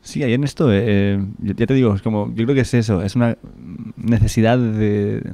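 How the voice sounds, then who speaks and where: Mellow-voiced podcast host. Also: male voice, fairly low pitch, fairly even intonation, fairly quick, no room sound. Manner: casual and chummy, with fillers and slang. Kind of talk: casual interview chat.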